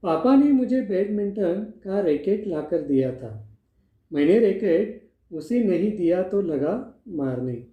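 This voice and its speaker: Brief: feisty complaining little girl, read by a man, slow, tinny, roomy. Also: sits high, very animated, heavily acted. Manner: reads lines out from a textbook play. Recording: echoey room, phone-like sound.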